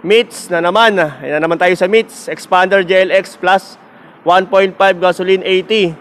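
Vlogging a casual stroll through a used car lot, this Filipino-accented man jokes, chats, and laughs often despite a sore throat. His voice sits high with a steady tone at normal speed, a bit bright, over slight background noise.

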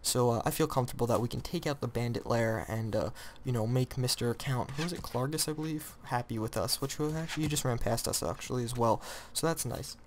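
A teenage boy giving rambling, excitable let's-play commentary, often correcting himself mid-sentence. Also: mid-range voice, a little fast, few pauses, a little hiss or hum. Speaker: gamer.

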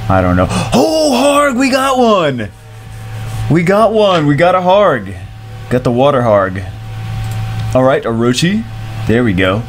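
Speaking unhurriedly with long pauses, a man in his thirties streams games in a fairly high, stuffy voice, excitable but rambling and repetitive. The headset recording from a small room at home has slight background noise.

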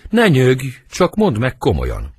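A man reading the part of Benvolio, Romeo's loyal young friend, with an earnest, husky delivery for an audiobook. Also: medium pitch, wildly swooping pitch, a little mellow, no echo, clean studio sound, pitched above the performer's own voice, full character voice. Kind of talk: audiobook verse drama reading.

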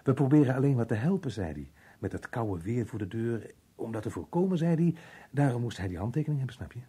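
Husky, muddled radio play man. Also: medium pitch, sing-song, mellow. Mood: rambling, confused. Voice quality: husky, rough. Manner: halting, puzzled, rambling. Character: muddled, evasive working-class man, slow to grasp questions. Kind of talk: old radio drama acting.

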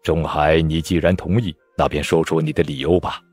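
A man's voice: a bass voice, steady tone, moderate pace, a little mellow, husky, voice pushed down. A man voicing a stern, testy older official who scolds and presses impatiently. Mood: coaxing.

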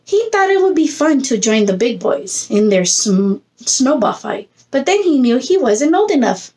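A preschool teacher in her thirties reads a picture book aloud to young children, expressive and coaxing them with questions and prompts, in an indoor room against a plain textured wall. Her high voice swings widely in pitch, a little mellow, at a moderate pace.

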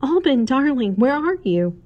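A high, breathy giant princess with a gentle, pleading manner. Her voice sits far above the storyteller's own deep register, with a tender, fretful warmth. The sound is a touch dull and muffled. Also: big pitch swings, unhurried, full character voice. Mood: alarmed. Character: giant young princess, tender, anxious lover.

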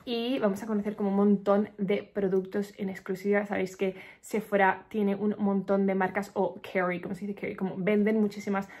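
A woman with a Spain Spanish accent chatting excitedly to camera in a casual vlog, laughing often. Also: medium pitch, brisk, hardly any pauses. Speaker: lifestyle vlogger.

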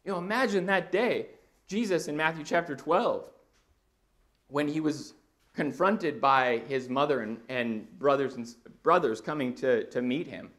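A man's voice: fairly high pitch, measured pace, fairly bright tone. A man in his thirties preaching a conversational sermon while walking the stage of a church auditorium. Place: church auditorium with a projection screen.

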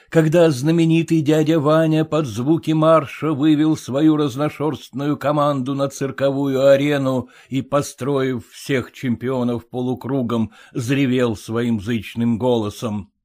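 A man narrating a literary audiobook in a measured, expressive manner. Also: mid-range voice.

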